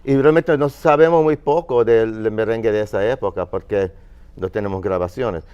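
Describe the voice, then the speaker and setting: A man from Finland on a panel, explaining music history in a halting, searching way with many fillers. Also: fairly low pitch, darkish tone, clean tone, dull audio. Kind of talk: panel discussion.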